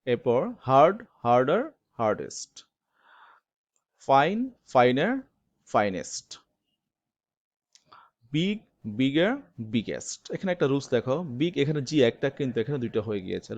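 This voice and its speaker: A man giving a recorded grammar lesson, stressing each word form slowly and clearly. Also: medium pitch, big pitch swings, dry recording. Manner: slow, stressed reading of word forms. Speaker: English grammar teacher. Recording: dull, lo-fi, dry.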